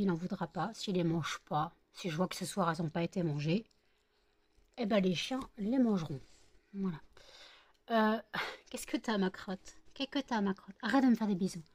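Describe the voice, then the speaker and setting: A woman talks casually to her vlog viewers, tired after working through the night. She rambles and circles back over the same points. Her pitch sits in an ordinary middle range for a woman. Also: moderate pace, darkish tone, a little hiss or hum. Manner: rambling, chatty, repeats herself. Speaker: vlogger making scented wax melts.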